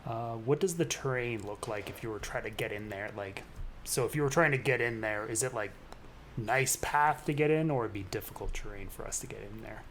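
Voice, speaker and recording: A man chats as a player in a tabletop game, thinking aloud with fillers as he asks questions. His voice sits at a middle pitch. There is faint noise behind him. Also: fairly quick, fairly bright tone. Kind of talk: casual game talk.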